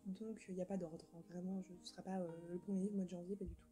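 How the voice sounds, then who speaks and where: Chatty young woman with a mellow voice. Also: on the low side, level tone, quick pace, faint music behind, low-quality recording. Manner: rambling, self-mocking, many fillers and restarts. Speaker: book vlogger. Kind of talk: casual chat.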